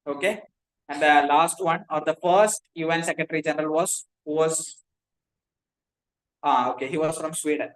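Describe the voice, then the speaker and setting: A man's voice: on the high side, steady tone, moderate pace, pauses often, low-quality recording. A man with an Indian English accent teaching a class, dictating notes and spelling names letter by letter, often repeating himself.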